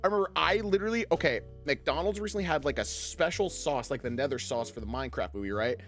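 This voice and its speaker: A man's voice: a little high, fast, fairly bright tone, soft background music. A young man streaming, reading stories and chatting casually, swearing and using lots of fillers.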